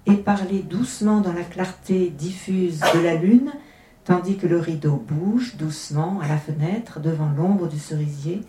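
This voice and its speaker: A woman reading a literary tale aloud in a measured, hushed way, then commenting on it. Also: on the low side, a little hiss or hum. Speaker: reader. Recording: echoey room.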